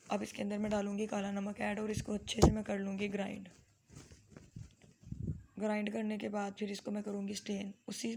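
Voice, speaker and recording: A woman with a Lahori Punjabi accent gives a chatty, homely voice-over for her family vlog. Her pitch stays almost perfectly level, and her voice has a gravelly, creaky edge. She drifts into Punjabi phrases as she goes. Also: background noise. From Lahore, Pakistan. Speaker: family vlogger and mother. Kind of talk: casual vlog voice-over narration.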